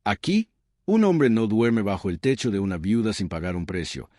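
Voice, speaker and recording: Lightly acted by a male narrator, the widow of the tribe sounds stern, proud and in command, her voice sitting low. She weighs every word like a sentence handed down, speaking slowly, gravely, with measure. This close storybook reading has no echo but plenty of animated intonation.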